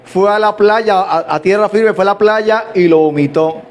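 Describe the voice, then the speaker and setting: Male preacher, high-pitched, sermon delivery, halting restarts and rhetorical questions.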